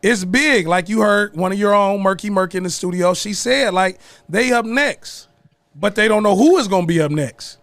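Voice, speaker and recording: A man's voice: high-pitched, normal speed, a bit bright, dry recording. A man hosting a morning radio show in casual chat, joking and laughing with a caller.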